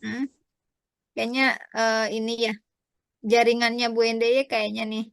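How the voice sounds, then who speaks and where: A fairly high-voiced woman, heard through a shaky video-call connection that places her at a distance from the mic. She keeps her remarks short and matter-of-fact, reporting on the connection in a casual way. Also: level tone, vocal fry, no echo, studio quality. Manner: quick short check-ins, reporting on the connection. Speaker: participant in an online teacher workshop.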